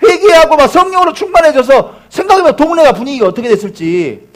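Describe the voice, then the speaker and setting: High-voiced, animated male pastor. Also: fast. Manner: animated storytelling with rhetorical questions. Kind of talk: sermon.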